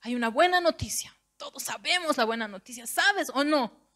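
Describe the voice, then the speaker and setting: Una mujer que predica con acento boliviano, con una voz un poco alta y encendida. En los puntos clave sube la voz casi hasta el grito, como en un sermón de iglesia. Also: female voice, sits high, expressive, moderate pace. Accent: Bolivian Spanish. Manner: fervent, rising to near shouts on key phrases. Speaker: preacher. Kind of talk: sermon. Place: church.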